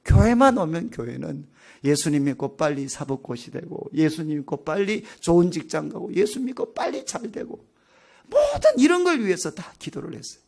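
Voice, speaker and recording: A man's voice: a little high, wildly swooping pitch, moderate pace, vocal fry, darkish tone. A middle-aged man, a pastor, telling a personal story in a revival sermon, acting out his own outbursts.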